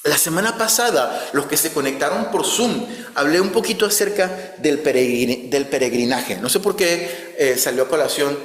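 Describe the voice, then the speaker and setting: A man's voice: a little high, normal speed. A man preaching a conversational sermon, often ending his phrases with a questioning tag. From outside Spain. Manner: frequent "¿no?" tag questions, restarts. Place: church hall. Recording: echoey church hall.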